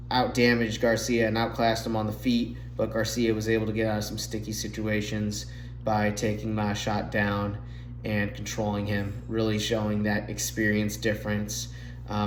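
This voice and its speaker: Recorded on a phone mic in an echoey room, a man hosts a solo MMA show making fight picks, and his voice sounds nasal from a recent illness. He speaks on the low side, chatty and full of fillers, with slightly rambling analysis and slight background noise.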